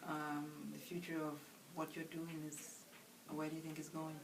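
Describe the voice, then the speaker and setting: Lady interviewer, low-ish voice, asks quick friendly questions, sounds far from the mic. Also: monotone. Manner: curious, friendly, short questions. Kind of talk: casual interview. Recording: voice distant from the mic, faint background noise.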